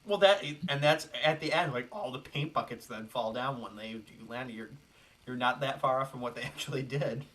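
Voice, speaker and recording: A man co-hosting a casual film commentary podcast, chatting with quick asides and a lot of "like". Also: mid-range voice, a bit bright, a little hiss or hum. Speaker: podcast co-host.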